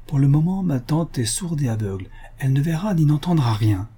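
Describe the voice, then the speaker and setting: A man reading aloud voices a playful young girl in love, in a teasing, lively way. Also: on the high side, fairly quick, husky, pitched above the performer's own voice.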